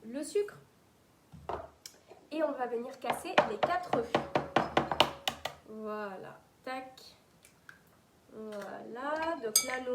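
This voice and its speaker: Over a very noisy, echoey kitchen full of clattering utensils, a woman with a fairly high-pitched voice hosts a live cooking stream. She's chatty and upbeat, greeting viewers and reading their comments while she works.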